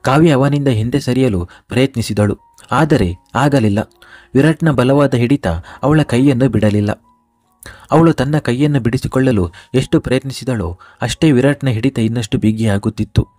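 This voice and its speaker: Male storyteller, mid-pitched, even scripted narration, soft music underneath. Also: normal speed, dry recording.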